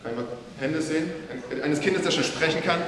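Bright-voiced man preaching in an echoey hall. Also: a little high, brisk. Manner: lively storytelling, addresses the audience, casual slang. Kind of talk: sermon. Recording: echoey hall with faint hiss.

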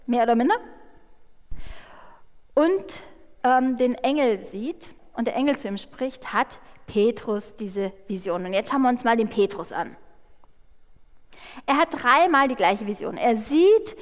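High-voiced woman preaching in an echoing hall. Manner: lively storytelling, addresses the listeners directly. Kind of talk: sermon.

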